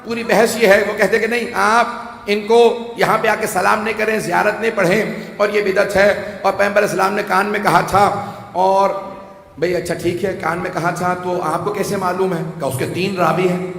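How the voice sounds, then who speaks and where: High bright-voiced male preacher. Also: flat delivery, vocal fry. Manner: emphatic, rising to shouts, teasing asides. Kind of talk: majlis sermon. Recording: echoey hall, faint ambience.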